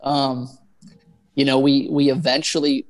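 A man in natural, unscripted conversation at an average pitch. He speaks haltingly and wanders through his thoughts, restarting as he goes, in the loose casual style of a chef guesting on a talk show. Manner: halting, rambling, animated storytelling with acted-out quotes.

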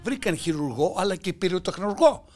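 Guy doing a mocking satire rant, big swings loud to hushed, voice a bit high. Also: lively intonation, soft background music. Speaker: satirical commentator. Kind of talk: satirical monologue.

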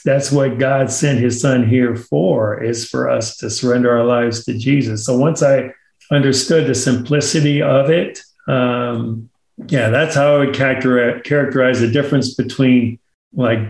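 A man's voice: medium pitch, darkish tone. Earnest man telling his faith story, roomy. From Omaha area. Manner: earnest, storytelling with many fillers. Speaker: guest. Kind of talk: casual faith testimony. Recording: roomy echo.

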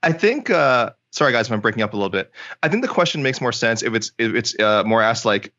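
A man's voice: mid-range voice, animated, fast talker, bright, forceful tone, highs cut off. A man co-hosting a casual chat over a video call with a bad connection. He rambles, with restarts and fillers. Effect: breaking-up bad internet connection. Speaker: co-host asking the guest questions.

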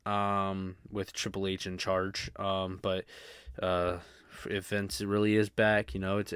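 A man hosting his own podcast in casual solo chat, rambling and halting, with many fillers and restarts. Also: lowish voice, a bit bright, dry recording, clean studio sound. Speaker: podcast host.

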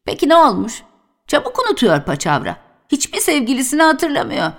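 A woman voicing a boisterous, earthy old male workman in a dramatic novel reading, lively and exclaiming. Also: high voice, brisk, pitched above the performer's own voice, full character voice. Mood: exuberant.

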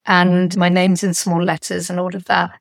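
A woman's voice: lowish voice, normal speed, creaky, no room sound, studio quality. A middle-aged woman, a company founder and author, talking reflectively as a guest in an interview and coming alive as she tells stories. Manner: reflective, animated when retelling stories. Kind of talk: conversational interview.

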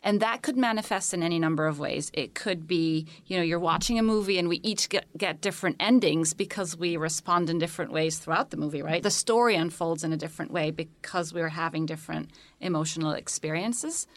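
An Egyptian tech company founder appears as a guest on a panel, speaking articulately and enthusiastically and explaining her ideas with many examples. Her voice is low, and she talks fairly quickly with few pauses.

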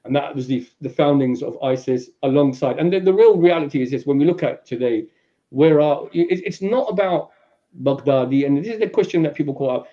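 A man with a London accent talks in a steady lecturing way, slipping into fast asides. His voice is mellow and a little higher than most. The recording sounds dull and lo-fi. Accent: London English. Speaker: Islamic speaker, podcast guest. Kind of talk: lecture-style explanation in a podcast.

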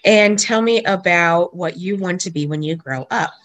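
A woman podcast host who has lost her voice, talking in a hoarse, raspy, whispery way as she casually interviews children. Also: lowish voice, moderate pace, fairly bright tone.

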